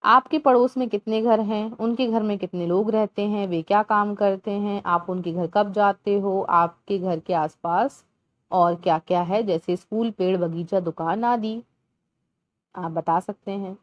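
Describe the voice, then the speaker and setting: A woman teacher slowly walking young children through a Hindi workbook lesson, sounding out syllables clearly one by one. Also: medium pitch, fairly even intonation, no room sound, lo-fi sound. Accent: Indian Hindi.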